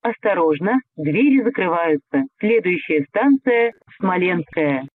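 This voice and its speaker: High man's voice on the train intercom. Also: animated. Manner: formal, measured announcing. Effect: over the train intercom. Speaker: transit announcer. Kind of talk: recorded metro announcements. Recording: tinny lo-fi train loudspeaker.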